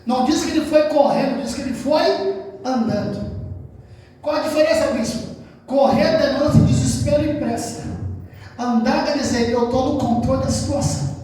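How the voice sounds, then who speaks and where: Brazilian male preacher, loud and sing-song, jokey; distant mic in a long-reverb church hall. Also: extremely high pitch, moderate pace. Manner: shouting, sing-song, joking. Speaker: pastor. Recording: echoey hall from far off.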